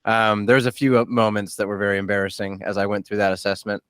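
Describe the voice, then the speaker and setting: Candid and casual, this thirtysomething podcast host talks in interview chat with little pitch movement, his low, resonant, smooth voice tinged a bit bright. He stumbles self-deprecatingly, looping back and starting sentences over, captured in a close, dry recording.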